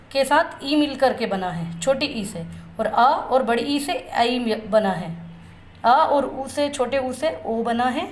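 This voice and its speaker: A woman teaching a lesson in Hindi, asking her students questions and answering them herself, and reciting each vowel sound slowly and carefully. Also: a little high. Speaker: Sanskrit teacher. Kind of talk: classroom-style video lesson. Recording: echoey room with faint background noise.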